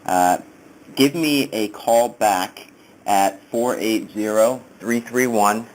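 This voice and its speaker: A man, a sales recruiter, leaving a businesslike voicemail over an internet phone line and slowing down to read out numbers. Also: lowish voice. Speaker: sales recruiter calling applicants. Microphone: calling over an internet phone line.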